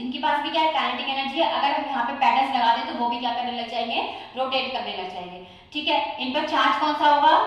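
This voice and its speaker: A woman's voice: high voice, a bit bright. A woman teaching an exam-prep chemistry lesson, asking questions and answering them herself. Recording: very echoey room, voice far from mic.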